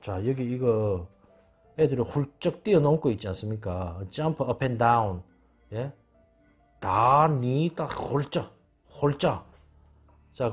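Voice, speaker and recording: A man's voice: mid-range voice, husky. A man giving an informal spoken lecture, emphatic and repeating words over and over. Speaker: channel host.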